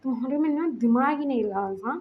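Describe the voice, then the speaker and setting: Hot-tempered young college guy, angry and shouting, as a woman puts him on, high voice, dull lo-fi sound. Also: fairly quick, a little hiss or hum, natural voice. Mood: angry scolding.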